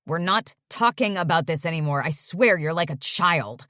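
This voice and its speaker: A woman's voice: deep voice, lively intonation, normal speed, a bit bright, no room sound, studio quality. A woman voicing an uptight young man who answers curtly and mutters when annoyed. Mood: irritated. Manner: curt and muttering.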